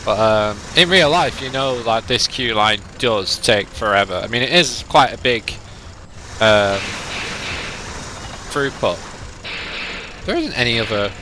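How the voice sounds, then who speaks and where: Animated yet unhurried, the young Lancashire streamer leaves long pauses as he plays a ride simulator, reading chat and rambling to viewers. A cold makes his mid-range voice a little nasal, and the background is noisy.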